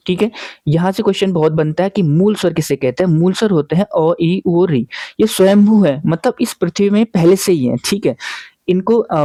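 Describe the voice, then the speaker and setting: A male teacher walks his students through a lesson in a warm, mellow voice, patiently asking questions and then answering them himself. He keeps pausing to check that his listeners are following. The sound is close and dry, with no room around it. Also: high voice, no room sound. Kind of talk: classroom grammar lesson.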